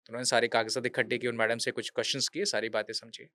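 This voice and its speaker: This man, in his thirties and a veterans' charity worker, is a podcast guest relating a true story earnestly and sprinkling in English words as the interview flows conversationally. His medium-pitched voice barely varies in pitch, comes out rapid-fire with a sharp tone, and is recorded dry in studio quality.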